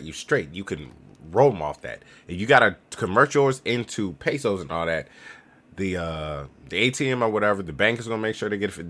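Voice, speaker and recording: A young man talks straight to the camera in a loose, slangy vlog style, acting out little scenes as he goes. His voice sits low but sounds bright and keen, with a lot of bounce in the pitch. He jumps between tips and jokes in an easy, playful way. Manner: slangy, animated, acts out other people's lines. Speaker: travel vlogger.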